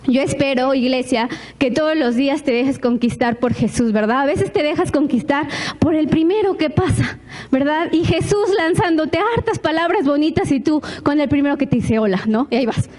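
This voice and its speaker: Woman pastor preaching, high voice, keeps asking the church questions. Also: normal speed. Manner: lively, addresses congregation with frequent rhetorical asks. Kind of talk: sermon.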